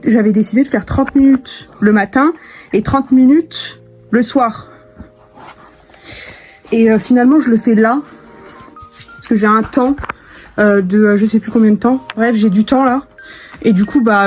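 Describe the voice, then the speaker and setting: A woman's voice: fairly high pitch, a little mellow. A young woman chatting casually to camera in a vlog, full of fillers and restarts. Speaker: vlogger.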